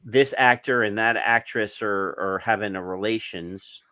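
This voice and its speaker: A man's voice: fairly low pitch, unhurried, pushed and bright, smooth, no room sound. A middle-aged man co-hosting a podcast, chatting casually and sarcastically, often restarting his sentences. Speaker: podcast co-host. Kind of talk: casual chat.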